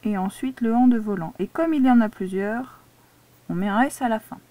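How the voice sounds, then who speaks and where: A woman's voice: fairly high pitch, a little fast, dark tone, no echo. A woman teacher giving a dictation lesson to a child, patiently spelling words out syllable by syllable. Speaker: primary school teacher.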